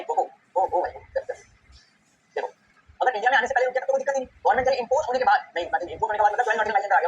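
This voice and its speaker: Fast-talking man lecturing on customs law. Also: high-pitched. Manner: rapid, chatty, keeps checking "ठीक है?". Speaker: teacher. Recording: slightly dull recording with faint background noise.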